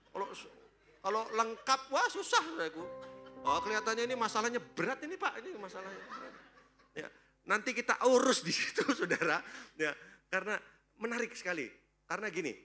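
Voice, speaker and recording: A man preaching a sermon at a church service, lively and joking, constantly throwing questions at the congregation. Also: high voice, fast. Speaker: pastor.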